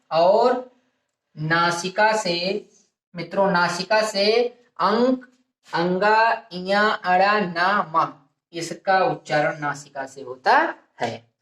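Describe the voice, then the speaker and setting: Slow, deliberate woman teaching in an echoey room. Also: medium pitch. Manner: slow and deliberate, repeating phrases while writing. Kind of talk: classroom lecture.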